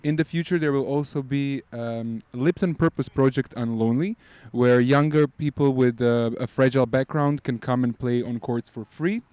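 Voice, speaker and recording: Smooth-voiced man explaining at length. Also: mid-range voice, moderate pace, few pauses, darkish tone, no room sound. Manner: explains at length with many fillers. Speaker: podcast guest. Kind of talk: casual podcast chat. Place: outdoors by beach volleyball courts.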